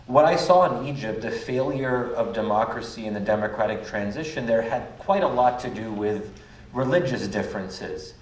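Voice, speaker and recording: A man's voice: mid-range voice, moderate pace. A man in his thirties, a guest at a public panel, speaking reflectively with many "um"s. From United States. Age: 30s. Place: public event hall. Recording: echoey hall, mic at a distance, faint noise.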